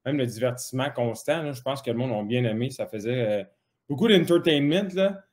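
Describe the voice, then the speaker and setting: A man's voice: mid-range voice, expressive, a little fast, a little mellow. A young man with a Québécois French accent, a guest in a casual chat, easygoing and full of fillers.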